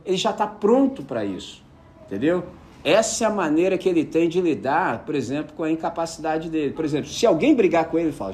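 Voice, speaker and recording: A man preaching a casual sermon, telling personal stories and checking with his listeners that they follow. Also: fairly high pitch. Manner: animated storyteller, keeps asking the audience if they follow.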